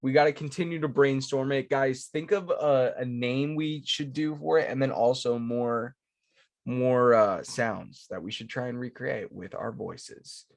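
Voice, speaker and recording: A man's voice: medium pitch, unhurried, creaky, no room sound. A man co-hosting a casual podcast, joking around with slangy, laid-back banter. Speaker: podcast co-host. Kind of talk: casual chat.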